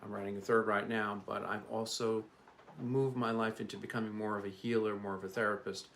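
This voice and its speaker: A middle-aged or older man from the Bronx giving an informal, earnest introduction as a therapist and teacher, speaking in a halting, reflective way. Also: fairly low pitch, little pitch movement, creaky, a bit bright. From the Bronx, New York. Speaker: psychologist and therapy teacher presenting his channel. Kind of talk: informal spoken introduction to camera. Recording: echoey room, distant mic, faint noise.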